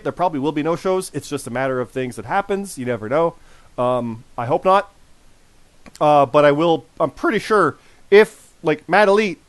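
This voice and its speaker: A man in his forties with a hoarse, worn voice, hosting a casual podcast and repeating phrases for emphasis. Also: on the high side, no room sound. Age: 40s. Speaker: podcast host.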